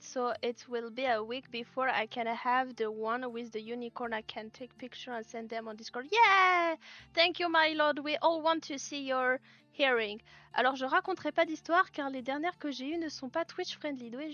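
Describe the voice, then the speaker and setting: A woman streaming live while making clothes, chatting with viewers, telling stories, laughing often and switching into halting English. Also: high-pitched, lo-fi sound. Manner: chatty storyteller, laughs often, answers chat. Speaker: livestreamer and clothing maker. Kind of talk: casual chat with live viewers. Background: soft background music.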